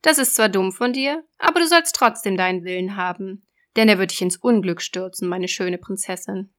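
A woman voicing a cruel, scheming old sea witch in a storybook reading, loud and sneering. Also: mid-range voice, moderate pace, natural voice. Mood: menacing, sneering.

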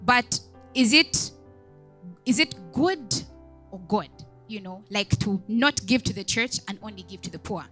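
Woman, deaconess, conversational sermon, bright and lively tone, chatty asides, questions to the congregation. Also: medium pitch, a little slow, faint music behind. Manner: chatty, many "like" and "right?" asides. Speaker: deaconess preaching.

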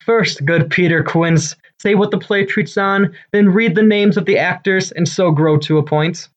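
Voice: medium pitch, moderate pace, muffled recording, natural voice. An actor playing a boastful, eager male weaver in a Shakespearean comedy, declaiming in a self-important, bombastic way. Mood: eager, bossy. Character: Bottom, boastful, eager amateur-actor weaver, adult man.

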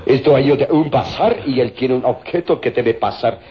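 In a Spanish-language radio serial, a male actor with a medium-pitched, lightly acted voice plays a corpulent, greedy, sinister villain who hires killers. His scheming delivery is sly, taunting and drawn out, broken by menacing chuckles, and the old recording sounds dull and hissy.

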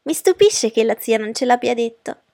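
A woman voicing a giddy teenage girl who chatters in an excited, loud way. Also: on the high side, normal speed, creaky, no room sound, clean studio sound, voice pushed up. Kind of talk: audiobook character voice.

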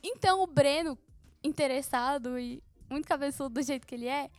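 A young woman co-hosts a casual podcast with her partner, telling stories in a lively way and laughing as she teases. Her voice is high and brisk, and the recording has no room sound.

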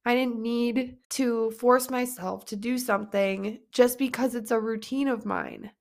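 A woman's voice: fairly high pitch, fairly even intonation, a little slow. A young woman hosting a personal podcast and coaching other women, telling a story in an earnest, reflective way and often repeating words as she thinks. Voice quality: vocal fry.

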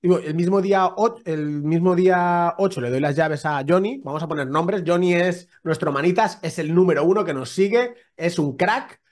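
A man's voice: high voice, normal speed, few pauses. A man telling a story in casual podcast chat, acting out the dialogue as he goes. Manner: animated storyteller, acts out dialogue. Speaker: podcast co-host.

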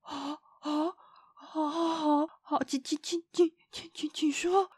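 A woman's voice: high-pitched, steady tone, slow pace, a little mellow, no room sound, pitched above the performer's own voice. A woman voicing a tiny, jumpy little man from a storybook who is terrified of everything, shrieking and stammering in panic. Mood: stammering fright. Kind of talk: storybook reading.

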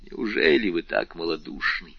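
A man's voice: sits low, animated, slightly rough, no echo, full character voice. A man reading a cold, menacing prosecutor. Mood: contemptuous. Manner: slow, measured and menacing. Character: cold stern middle-aged male prosecutor. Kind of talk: audiobook character reading. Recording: dull lo-fi audio.

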